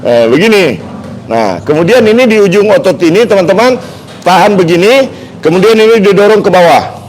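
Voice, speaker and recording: A man's voice: sits high, expressive, a little fast, a little mellow, slight background noise, rough recording. A man with an Indonesian accent demonstrating reflexology massage on a live stream, chatty and joking as he repeats each instruction.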